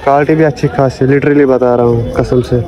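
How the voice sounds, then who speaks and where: Filming handheld at arm's length, a young man strolls through a busy outdoor street market talking prices with his viewers. His mid-range voice is steady and a little fast, set against a loud market crowd.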